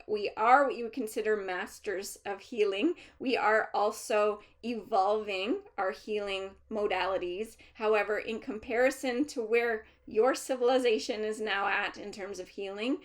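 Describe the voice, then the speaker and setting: A woman speaking as a trance medium, channeling a collective of master healer spirits in a deliberate, formal, instructive manner with pauses. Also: medium pitch, close to an everyday voice. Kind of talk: seance medium channeling, unscripted spiritual teaching.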